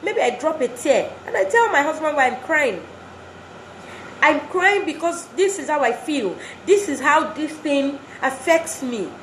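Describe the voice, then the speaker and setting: Speaking to wives, this woman gives an earnest, motivating address, urging them on and repeating phrases to drive points home. Her voice sits high and sounds animated, unhurried and a little bright. There's a roomy echo along with faint background noise.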